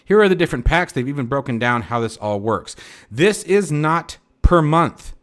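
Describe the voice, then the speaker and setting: A man's voice: a little high, lively intonation, normal speed, fairly bright tone. Emphatic man explaining casually. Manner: emphatic, peppers lines with "okay?". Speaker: flight sim YouTuber.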